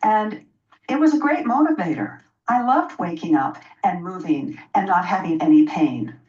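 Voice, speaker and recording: Emphatic low-voiced woman in her sixties. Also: animated, moderate pace, darkish tone. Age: 60s. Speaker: interview guest, health practitioner. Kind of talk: conversational radio interview, personal explanation. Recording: dull, roomy, distant microphone sound.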